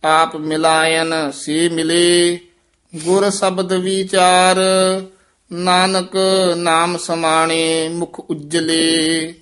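This is a man leading a recitation lesson. He chants the verses at a slow, drawn-out pace in a fairly high voice. Between verses he drops into quick spoken corrections of pronunciation. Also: monotone, fairly bright tone, clean tone. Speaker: Gurbani recitation teacher.

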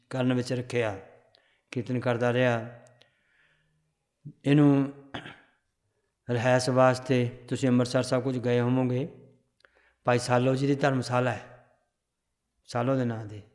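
A man teaching a religious class, calmly explaining scripture and its history. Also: medium pitch. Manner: recites verses slowly in a chanting tune, then explains calmly.

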